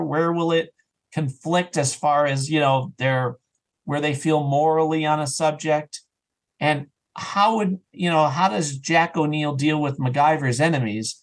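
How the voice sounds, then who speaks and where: Appearing as a podcast guest, a man chats casually in an enthusiastic, animated manner with a voice on the high side. Now and then he slips into imagined remarks in the role of an audio drama creator.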